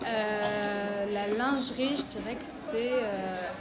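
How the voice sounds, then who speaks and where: A woman's voice: medium pitch, slow. A woman in her thirties, a fashion consultant, answering interview questions casually with frequent hesitations. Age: 30s. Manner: hesitant, many fillers, relaxed. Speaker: fashion consultant and concept store owner. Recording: echoey room with loud music behind.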